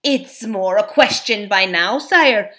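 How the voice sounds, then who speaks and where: A woman's voice: mid-range voice, lively intonation, slow pace, fairly bright tone. A woman reading a frank old-fashioned dwarf. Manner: homely, frank storytelling. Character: gruff plain-spoken male dwarf, loyal.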